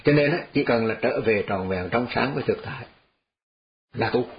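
Monk, giving a dharma talk. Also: male voice, medium pitch, normal speed, slight background noise. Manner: folksy, repetitive, chuckles while telling parables. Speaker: Buddhist monk teacher. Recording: slightly dull lo-fi audio.

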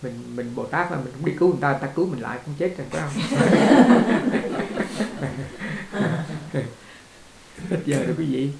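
A man's voice: fairly high pitch, racing, gravelly, very noisy. A man teaching as a Buddhist teacher in a conversational dharma talk, repeating words and laughing along with his listeners. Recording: echoey room.

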